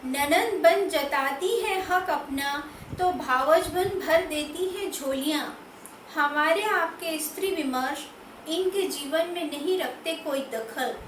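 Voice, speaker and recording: A woman poet from Madhya Pradesh, India, reciting her poems in a slow, measured reading. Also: sits high. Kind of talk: poetry recitation. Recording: echoey room, distant mic, faint noise.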